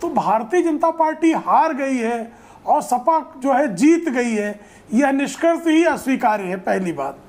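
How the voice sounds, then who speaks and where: A woman's voice: high voice, darkish tone. A woman speaking as a party spokesperson on a TV debate, formal and listing points with repeated phrases. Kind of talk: political debate argument.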